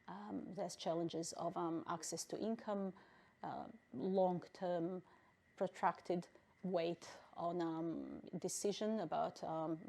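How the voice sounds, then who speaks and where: In an interview, a refugee council president from Bosnia, a middle-aged woman, responds in a measured, reflective way, often pausing and using fillers. She has a lowish, warm voice with vocal fry.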